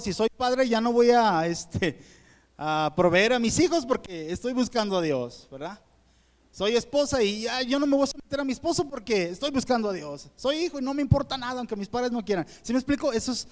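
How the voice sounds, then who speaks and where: A man with a Mexican accent preaching a sermon to his congregation in a church auditorium, talking conversationally and often checking that they agree. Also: high-pitched. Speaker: pastor. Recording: long reverb of a church hall.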